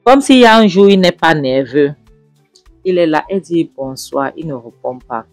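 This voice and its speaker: Guy recapping a drama series, lively storytelling, dry close sound, faint music behind. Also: a little high, normal speed, dry recording. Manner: animated storytelling, speaking straight to viewers. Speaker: series reviewer. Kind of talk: retelling and commenting on a drama series.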